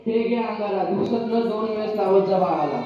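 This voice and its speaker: A greedy village sorcerer in a school stage play, played by a performer pushing their voice low and making slow, weighty pronouncements. The voice comes from far off the mic and rings around an echoey hall. The sound is dull. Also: male voice, lightly acted. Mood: solemn. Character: greedy village sorcerer man, stern and solemn.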